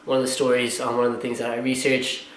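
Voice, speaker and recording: A man's voice: mid-range voice, monotone, fast talker, reverberant, low-quality recording. A young man, a pharmacy student, talking casually and earnestly to camera, rambling with many fillers and a little out of breath. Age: young adult. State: slightly out of breath. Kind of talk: casual vlog talk to camera.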